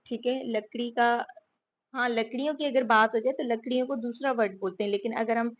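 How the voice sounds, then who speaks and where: Her voice a little high and her pace a little fast, this Pakistani woman explains English grammar in a relaxed lecture with fairly even intonation. "Theek hai" comes up again and again, along with rhetorical questions to check in.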